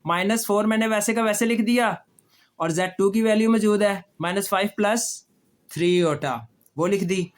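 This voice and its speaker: A man's voice: high-pitched, normal speed. A man teaching a math lesson step by step, patiently asking questions and answering them himself. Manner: patient, addresses students as children, repeats questions and answers them. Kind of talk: step-by-step classroom lecture.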